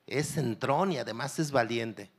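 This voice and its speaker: A man's voice: mid-range voice, measured pace, husky. A middle-aged man, preaching a sermon as a pastor and urging his listeners on directly.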